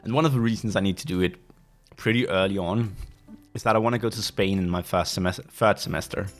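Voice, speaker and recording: A young Danish man hosts his own podcast, delivering a casual solo monologue in a low voice. He pauses often to search for words, frequently breaking off mid-sentence and starting over. Soft music plays faintly underneath.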